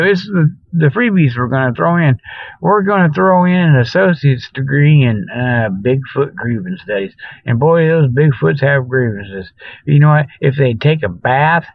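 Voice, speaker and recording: This higher-pitched man hosts a comedic Bigfoot show, rambling through an improvised monologue full of mock sales pitches. He's folksy, jokey and meandering, chuckling at his own jokes while sounding tired and weary. The audio is dull, lo-fi and radio-like, with no echo.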